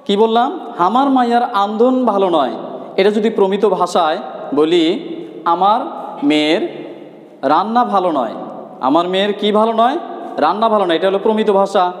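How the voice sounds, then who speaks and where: A man's voice: high voice, normal speed, long pauses. A male teacher from Bangladesh giving a grammar lesson, repeating key points and asking the students rhetorical questions. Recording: echoey room with long reverb.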